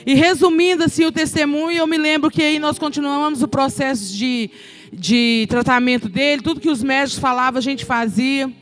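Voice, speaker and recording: Woman, middle-aged, Brazilian accent, high voice, emotional testimony sermon to a congregation, faint music under it. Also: steady tone, moderate pace. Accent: Brazilian Portuguese. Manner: emotional, addresses the congregation as brothers. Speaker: children's ministry speaker.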